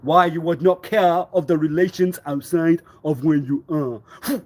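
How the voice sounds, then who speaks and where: A man rambling through a live stream monologue, swinging between loud outbursts and low muttering, often laughing and clearing his throat. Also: fairly even intonation, measured pace. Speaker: livestreamer.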